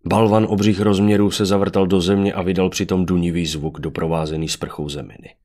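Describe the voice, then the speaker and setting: A man narrating a fantasy audiobook with an even storytelling manner. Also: low voice.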